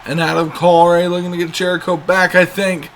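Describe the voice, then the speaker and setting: A man serves as the second voice in wrestling commentary, reacting to each move. His voice is fairly high and forceful, with a bright edge. Some noise sits behind it. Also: little pitch movement, fast talker. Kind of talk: wrestling commentary of a video game match.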